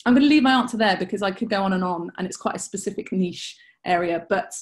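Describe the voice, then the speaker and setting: A woman's voice: mid-range voice, fast. A young adult woman answering audience questions in a casual webinar talk, earnest and chatty, with frequent fillers and restarts. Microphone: video call.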